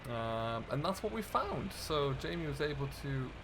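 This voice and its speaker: A British gaming video host plays a farm contractor in a farming game role-play, chatting casually and thinking aloud while he works. His voice sits fairly high, very animated, at a normal speed. Vehicle and ambient noise come through clearly behind him.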